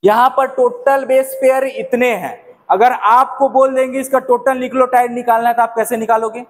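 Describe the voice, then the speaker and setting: A man's voice: extremely high pitch, fairly even intonation, moderate pace, slight background noise. A young man teaching a biology lesson, who keeps asking questions and answering them himself. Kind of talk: classroom-style lecture.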